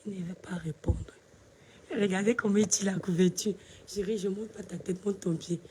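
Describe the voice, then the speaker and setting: A woman chatting casually to her followers in a live video from her bedroom, animated and sometimes speaking softly. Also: medium pitch, moderate pace, distant mic, background noise. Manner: chatty and animated, addresses viewers as her stars; speaks softly at times so as not to disturb her husband. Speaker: social media vlogger. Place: bedroom at home, indoors. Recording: roomy echo, voice a bit off-mic.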